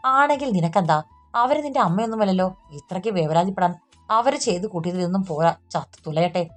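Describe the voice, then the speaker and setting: A woman voicing a blunt young man who speaks with sharp scorn in an audiobook story. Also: fairly low pitch, animated, fairly quick, faint music behind, lightly acted. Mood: scornful anger.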